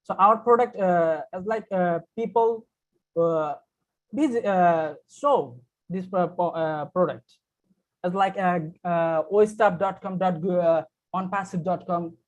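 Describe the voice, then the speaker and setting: Slow halting man with a Bangladeshi accent. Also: sits high, muffled recording. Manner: slow, searching for words, many fillers. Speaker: meeting attendee asking a question. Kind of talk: halting, hesitant speech. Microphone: video call.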